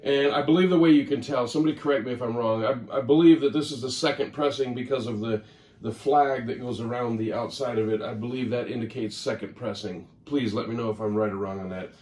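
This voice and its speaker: A fast-talking man with a medium-pitched, somewhat mellow voice rambles to camera about his records, regularly correcting himself. Because the mic is some distance away, the audio sounds roomy.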